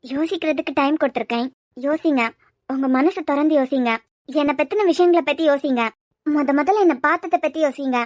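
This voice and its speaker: Cartoon role: a bold young woman, voiced by a woman, very high and insistent, Kanyakumari Tamil accent. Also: a little fast, no echo, studio quality, close to an everyday voice. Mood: hopeful. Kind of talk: cartoon web-series voice acting.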